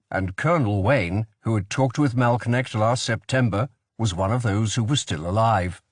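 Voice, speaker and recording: A man's voice: medium pitch, dry recording, clean studio sound. Man reading a thriller audiobook. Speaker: audiobook narrator. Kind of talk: scripted narration.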